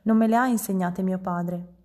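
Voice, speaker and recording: A woman voicing a quiet, clever little girl in an audiobook reading, speaking softly and modestly. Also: medium pitch, fairly even intonation, moderate pace, natural voice. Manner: soft, hushed and modest.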